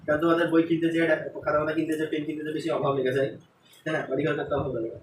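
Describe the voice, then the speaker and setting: A man's voice: on the high side, fairly even intonation, rapid-fire, far from the mic, noisy background. A male tutor teaching an English lesson in a classroom, explaining line by line and quizzing the class. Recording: roomy classroom taped from afar.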